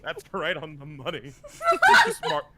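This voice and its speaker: A man's voice: fairly high pitch, huge pitch swings, unhurried, over a noisy crowd. A man, a game writer, chatting casually and joking on a live group Q&A stream. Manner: joking, breaks into bits and voices.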